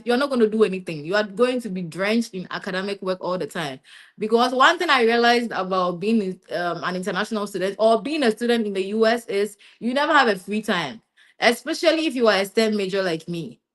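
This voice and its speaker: In a casual interview, a young adult master's student from Ghana speaks at a medium pitch. She rambles easily through her answers, frequently ending with "yeah" or "basically."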